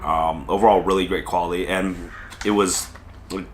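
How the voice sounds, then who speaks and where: A man from Southern California, hoarse from a lingering illness, chatting casually in a food vlog with many ums and pauses. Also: low-pitched, steady tone, slight background noise. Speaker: food vlogger. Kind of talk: casual rambling mukbang vlog. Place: restaurant dining room.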